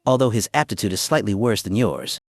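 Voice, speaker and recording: A man narrating a story recap in the second person, with brisk, animated storytelling, recorded close and dry. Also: fairly low pitch, no room sound.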